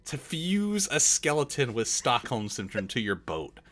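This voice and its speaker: A man's voice: medium pitch, very animated, unhurried, a bit bright. A man acting as game master, narrating and chatting casually in a tabletop game.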